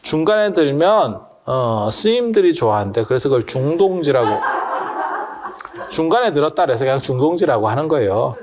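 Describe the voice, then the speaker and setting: A man's voice: a little high, big pitch swings, normal speed, a little mellow, a little hiss or hum. A man giving a casual Buddhist dharma talk, joking and asking the audience questions as he explains customs. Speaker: Buddhist monk lecturer. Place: temple hall with listeners.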